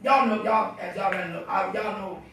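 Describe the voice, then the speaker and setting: A man's voice: high voice, a little fast, gravelly, crowd noise. A man telling a rambling personal story during casual group banter, starting over again and again. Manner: rambling storytelling with many restarts. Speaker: podcast co-host telling a story. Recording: echoey room, distant mic, noisy.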